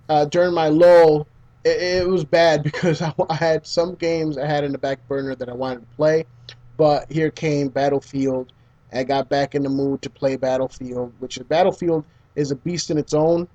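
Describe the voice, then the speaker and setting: Higher-pitched guy on a game podcast, laid-back, teasing, swears a bit. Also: steady tone, moderate pace, mellow, lo-fi sound. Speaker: podcast co-host. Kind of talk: casual chat.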